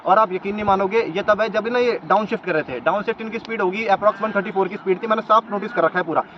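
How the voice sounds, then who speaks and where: A man's voice: sits high, fast. A young man vlogging outdoors, laying out his points one by one in an argumentative commentary. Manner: argumentative, makes points in a row. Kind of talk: commentary vlog. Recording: slightly dull lo-fi sound with faint noise.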